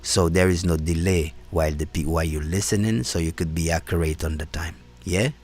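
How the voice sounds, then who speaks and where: A man with a very low voice hosts a live call, stumbling over his words and circling back. Faint music sits under his voice. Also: steady tone, darkish tone. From Haiti. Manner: halting, repeats words and restarts often. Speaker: host and community organizer. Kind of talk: live-stream conversation. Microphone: phone or call setup.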